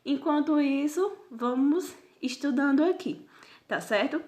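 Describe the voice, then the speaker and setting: Woman teacher, kinda high voice, patient, drags out syllables, says certo? constantly. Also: a little mellow. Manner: patient, repeats "certo?" often; spells out syllables slowly. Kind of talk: recorded remote grammar lesson.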